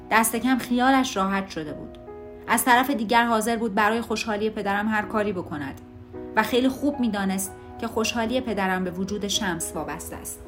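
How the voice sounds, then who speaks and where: A woman narrating an audiobook in a calm, measured storytelling voice. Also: medium pitch. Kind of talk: scripted narration.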